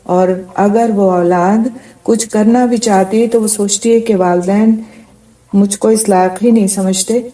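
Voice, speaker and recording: A woman's voice: medium pitch, steady tone, warm tone, distant mic, low-quality recording. A middle-aged woman giving a Quran commentary lecture, telling stories from her teaching in an earnest way.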